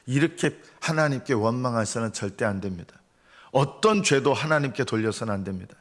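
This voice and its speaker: A man's voice: medium pitch, animated, fairly quick. A middle-aged man, the senior pastor, preaching an early-morning sermon in an earnest way, often asking rhetorical questions.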